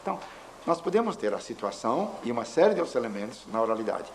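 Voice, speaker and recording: A man giving a measured lecture, explaining with examples. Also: medium pitch, sing-song, low-quality recording. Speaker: linguistics lecturer. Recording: faint background noise.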